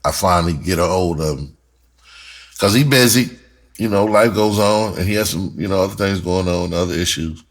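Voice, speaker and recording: His voice sits low and moves at a moderate pace. Recounting his own story, this middle-aged American rapper and writer is open and relaxed, cursing freely and repeating words to stress them.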